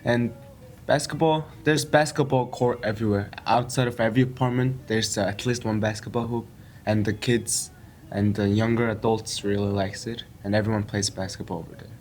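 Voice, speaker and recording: A man's voice: on the low side, steady tone, brisk, a little mellow, a little hiss or hum. Polite young male player from Mongolia. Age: young adult. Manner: polite and simple. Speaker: student basketball player. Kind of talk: casual interview.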